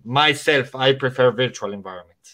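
A man with a mid-range, sharp-toned voice speaks at a moderate pace. Spanish is his first language, and his English carries a Spanish accent with some Irish and American colouring. He's an English teacher rambling casually on a podcast, full of restarts and fillers.

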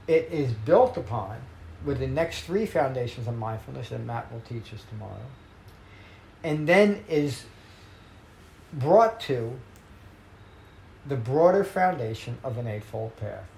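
A man teaching meditation in a measured, emphatic way, reading a Buddhist text and explaining it to a group. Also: medium pitch, expressive, gravelly, darkish tone, echoey room, a little hiss or hum, poor audio. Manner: measured, emphatic teaching with slowed key phrases. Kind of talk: dharma talk reading a sutta.

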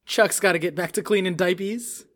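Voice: mid-range voice, steady tone, normal speed, fairly bright tone. Wry, dry podcast co-host. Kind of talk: casual chat.

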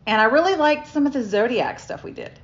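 A chatty middle-aged woman with a slightly high voice co-hosts a relaxed podcast. She laughs often as she talks. The sound is dull and lo-fi, captured on a phone recorder. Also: a little fast. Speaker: podcast co-host. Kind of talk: casual chat.

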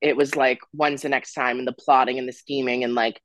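A man's voice: mid-range voice, flat delivery, fairly quick, fairly bright tone, dry recording. A young man in his twenties, raised in Florida, talks through his story as a podcast guest, candid and rambling, often stopping to restart a thought. His voice is close to the mic in a dry, dead room. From Florida, USA. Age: 20s. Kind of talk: casual interview storytelling.

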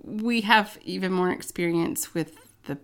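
A woman's voice: on the low side, unhurried. A woman, a pastor, co-hosting a casual podcast chat with her husband, speaking candidly and laughing easily.

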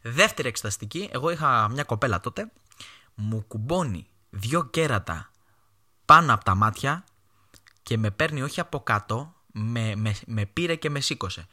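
A young man from Greece hosts his own podcast and tells stories from his life in a casual way. His voice is bright and forceful. His pitch moves a lot as he acts out the voices of the people in his stories. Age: young adult. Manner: animated, acts out his mother's voice in quoted lines. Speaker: podcast host. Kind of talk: casual storytelling monologue.

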